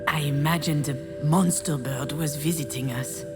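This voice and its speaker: Over game music, an actress voices a troubled, self-doubting woman in scripted first-person video game narration. Her low voice is fairly even and a little slow as she confides her thoughts in a reflective, introspective way.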